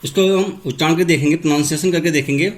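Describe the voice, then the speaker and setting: A man teaching English grammar in a classroom lesson. He asks questions and answers them himself, and says key words over slowly. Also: fairly high pitch, fairly even intonation. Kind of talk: classroom lesson, step-by-step explanation.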